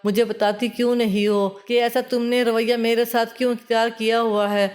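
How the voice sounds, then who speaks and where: A gentle, worried young husband pleading with his wife, read by a woman narrator. The storybook lines stay flat and even in pitch. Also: faint music behind, lightly acted.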